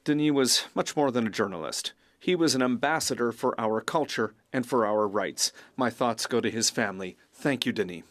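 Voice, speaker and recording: A man's voice: medium pitch, moderate pace, hardly any pauses, fairly bright tone, no echo. Man in a dry, formal delivery. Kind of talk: formal translated parliamentary tribute.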